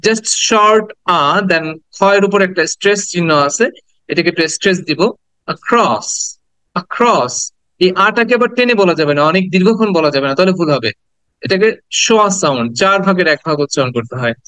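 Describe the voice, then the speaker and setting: A man with a fairly high, smooth and resonant voice leads a pronunciation lesson, speaking with a Bangladeshi accent. He switches between Bengali and English and says each word again and again for the class to copy. The sound is close and dry, with no room echo. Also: animated, a bit bright. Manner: mixes Bengali and English, repeats words slowly for students.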